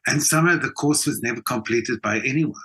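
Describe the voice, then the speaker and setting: A South African actor and theatre designer from Johannesburg, interviewed over a video call from indoors back home, relates personal stories in a conversational style. He talks fairly quickly in a medium-pitched, slightly bright voice, emphasizing his points and repeating words.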